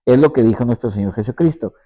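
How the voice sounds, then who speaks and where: A man's voice: mid-range voice, quick pace. A man pastor preaching a sermon with an emphatic, repetitive cadence. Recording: dull lo-fi recording.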